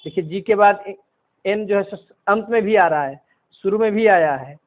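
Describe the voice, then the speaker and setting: A man teaching English pronunciation, explaining word by word in a slow, deliberate way. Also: sits high. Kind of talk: pronunciation lesson. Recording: phone-like narrow sound.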